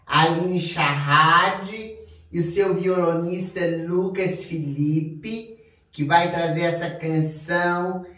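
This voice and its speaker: Comic storyteller, male, slow and high, playful, echoey distant sound. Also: fairly even intonation, sharp tone. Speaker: storyteller host. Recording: echoey room, far from mic.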